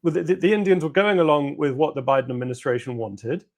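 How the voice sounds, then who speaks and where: A man's voice: fairly high pitch, fast, darkish tone. A man, a guest analyst, giving sardonic, analytical answers in a political discussion interview.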